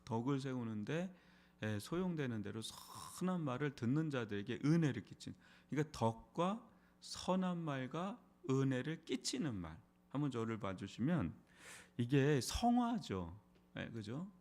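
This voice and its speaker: A man's voice: mid-range voice, sing-song, measured pace, darkish tone. A middle-aged man, a pastor, preaching an early morning sermon in a church in a conversational way, with frequent rhetorical questions. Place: church sanctuary.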